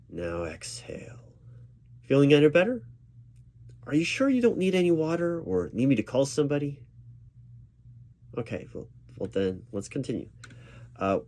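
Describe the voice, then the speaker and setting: In a spoken ASMR roleplay, a man takes the part of a job interviewer, voicing it aloud instead of whispering. His medium-pitched delivery is reassuring yet halting, with words repeated. Steady computer keyboard typing runs behind him.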